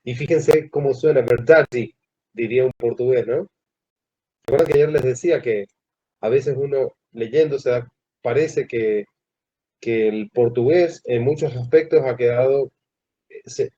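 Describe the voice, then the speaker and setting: Man lecturing a class, husky. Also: medium pitch, warm tone. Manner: asks the class questions, pauses mid-phrase. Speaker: teacher. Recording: dull lo-fi classroom recording.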